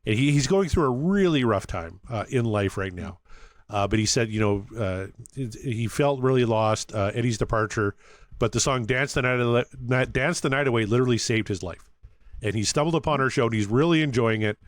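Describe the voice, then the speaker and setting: A man co-hosting a podcast, speaking at an ordinary pitch in a relaxed, friendly way. He addresses listeners with earnest, warm-hearted shout-outs. The sound is dry and close-miked. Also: moderate pace, dry recording. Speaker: podcast co-host. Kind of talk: casual podcast chat.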